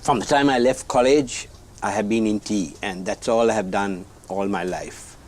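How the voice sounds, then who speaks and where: A man's voice: fairly low pitch, slight background noise. Matter-of-fact man from Sri Lanka. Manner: measured, matter-of-fact answers. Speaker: tea company executive guest.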